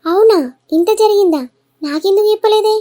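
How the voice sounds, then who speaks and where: A woman's voice: very high voice, brisk, dark tone. Woman voicing an advising elder sister with a Telangana accent. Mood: concerned. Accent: Telangana Telugu. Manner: questioning, advising.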